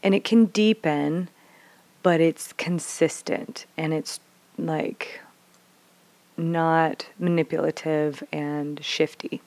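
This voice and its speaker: A woman talking as a parent in a casual, reflective way, earnest and thoughtful, often pausing on "like" and "um". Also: deep voice, steady tone, darkish tone, no echo. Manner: earnest, thoughtful, speaks with 'like' and 'um'. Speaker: parent sharing experience.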